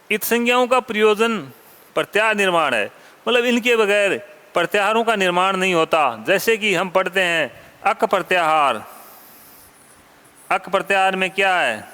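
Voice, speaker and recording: A man teaching a Sanskrit grammar lesson, asking questions and answering them himself, repeating key terms slowly and dropping casual asides to students. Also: high-pitched, lively intonation, bright, forceful tone, clear, resonant tone, big-room sound. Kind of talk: classroom lecture.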